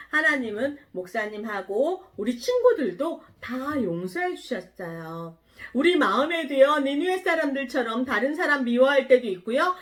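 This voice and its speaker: A woman pastor telling a Bible story in a children's sermon, animated and asking the children questions. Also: high voice.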